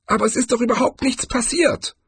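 A man doing a high-pitched weary old barbarian. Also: a little fast, breathy edge, dry recording, heavily acted. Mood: incredulous.

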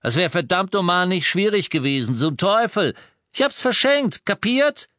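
A man's voice: high-pitched, big pitch swings, moderate pace, fairly bright tone, no room sound, studio quality. A man playing a cowardly, shifty small-time crook wizard who whines, cusses and talks defensively. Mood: evasive. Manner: whiny, defensive, cursing. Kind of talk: audiobook character voice.

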